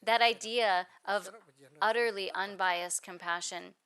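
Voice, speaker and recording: Bright-voiced woman interpreting a dharma talk. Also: medium pitch, fairly even intonation, measured pace. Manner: fluent and explanatory, with frequent "you know" and "actually".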